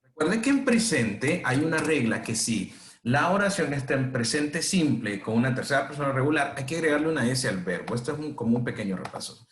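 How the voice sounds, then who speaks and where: A man teaching English to students in a recorded lesson, switching between Spanish and English and modeling each word slowly. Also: medium pitch, very animated, roomy sound.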